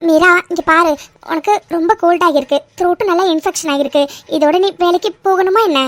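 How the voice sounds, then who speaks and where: A woman voicing a young woman's worried, caring best friend in a cartoon serial, fretting and scolding gently. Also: extremely high pitch, fast, no echo, studio quality. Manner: fretful, pleading, motherly scolding.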